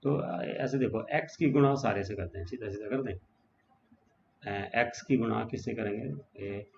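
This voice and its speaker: Speaking at a measured pace in a fairly low, creaky voice, a man teaches a whiteboard math lesson, explaining equations step by step in a relaxed classroom style and checking in with his students often. The recording is dull, lo-fi, and has faint background noise.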